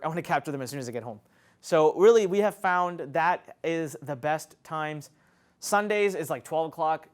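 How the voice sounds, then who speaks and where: A man teaching an online marketing lesson, enthusiastic and conversational, laughing often as he talks. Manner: enthusiastic, swoops up and down in pitch, frequent laughs. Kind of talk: energetic teaching talk to camera.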